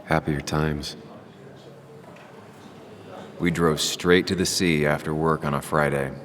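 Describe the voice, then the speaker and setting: A man's voice: a bass voice, little pitch movement, takes it slowly, fairly bright tone. A man voicing a dry, wistful journalist in a video game. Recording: long reverb with game music behind.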